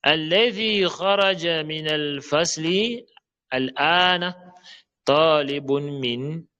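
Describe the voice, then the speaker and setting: A man teaching an online Arabic lesson, explaining slowly and checking often that students follow. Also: a little high, bright, forceful tone, clean tone, lo-fi sound.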